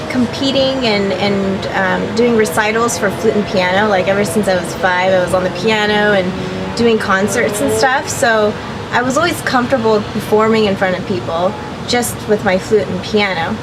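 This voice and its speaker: A woman's voice: mid-range voice, moderate pace, heavy background noise. A young woman chatting in a casual interview about her acting work, talking freely with many fillers and frequent laughs. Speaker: actress interviewee.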